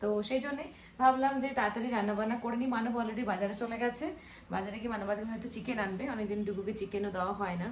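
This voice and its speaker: A woman's voice: a little high, fairly even intonation, fast, slight background noise. A young woman from Bengal, chatting to her viewers in a casual home vlog while she cooks in her kitchen. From Bengal, living away. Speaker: family vlogger. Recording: echoey kitchen with faint ambience.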